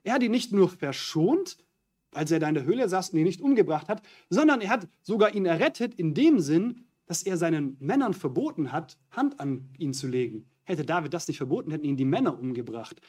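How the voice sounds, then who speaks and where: A man preaching a sermon on a psalm, earnest and steady, slowing right down whenever he quotes a prayer. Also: on the high side, husky.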